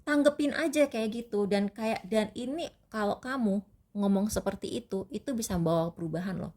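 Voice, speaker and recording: A woman's voice: mid-range voice, moderate pace, darkish tone. Woman from Indonesia, tarot reader, casual advice chat, loose and chatty, many fillers and restarts.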